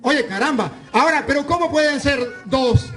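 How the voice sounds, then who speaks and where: High-voiced priest arguing scripture. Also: male voice, lively intonation, moderate pace, sharp tone. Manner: insistent, argumentative, reads scripture aloud. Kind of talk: heated religious debate.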